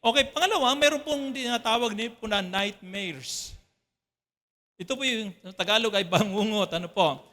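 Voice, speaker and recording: Male pastor from the Philippines, high bright voice, chatty sermon delivery that checks in with the congregation. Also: moderate pace. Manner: conversational preaching with frequent "ano po" checks to the congregation. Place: church.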